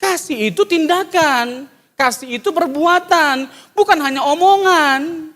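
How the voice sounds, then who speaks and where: High-voiced guy preaching in a church hall, long echo, jokey, goes loud then soft. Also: a little slow. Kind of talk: sermon with jokes.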